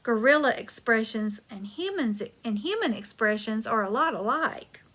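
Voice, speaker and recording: A woman's voice: on the high side, lively intonation, normal speed, fairly bright tone. A woman teacher reading a chapter book aloud to her class, stopping to explain words and check in with her listeners.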